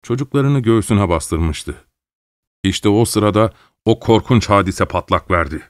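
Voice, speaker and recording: A man reading an audiobook in a measured, dramatic storytelling manner. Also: lowish voice, lively intonation, no echo, studio quality. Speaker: audiobook narrator. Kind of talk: scripted audiobook narration.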